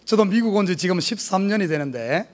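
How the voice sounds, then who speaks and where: Man, middle-aged, Gyeongsang accent, pastor, sermon in a church, joking personal story, slightly high voice. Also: a little fast. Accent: Gyeongsang Korean. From South Korea. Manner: storytelling with humor, lively and animated. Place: church sanctuary.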